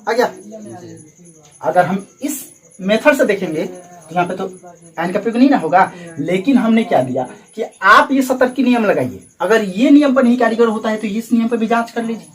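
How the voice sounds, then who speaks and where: A male teacher at the front of a coaching classroom, working through a grammar lesson with his students in the room. He drills each point slowly, word by word, and keeps stopping to ask whether anyone is having trouble. He talks to his class with easy affection. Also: high-pitched, expressive, rough recording. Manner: calls students "babu" affectionately.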